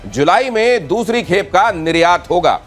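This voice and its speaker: A man's voice: high voice, expressive, measured pace, faint music behind. A man anchoring a TV news debate in a studio, reading bulletins with dramatic, rhetorical flair.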